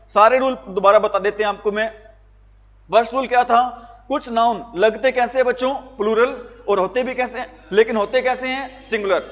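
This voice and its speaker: High-voiced male teacher quizzing a class. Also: fairly bright tone, long reverb tail. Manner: quizzing students with repeated questions. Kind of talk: classroom grammar lesson.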